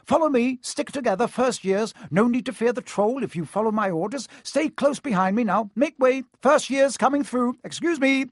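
A man's voice: very high voice, normal speed, few pauses, no echo, clean studio sound, voice pushed up. A man voicing a pompous teenage boy prefect who barks bossy orders. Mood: self-important.

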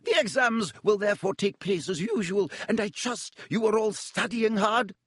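A man's voice: high voice, lively intonation, moderate pace, husky, dry recording, clean studio sound, pitched above the performer's own voice. A man voicing a stern, strict older female professor with clipped, formal speech.

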